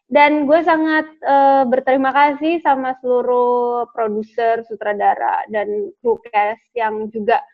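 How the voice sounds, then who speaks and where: A chatty woman, an actress, talks casually over a video call, her voice sitting a little high. She hesitates with fillers and laughs easily. The call audio is dull and lo-fi. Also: steady tone, a little slow. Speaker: interview guest, actress. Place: home during lockdown.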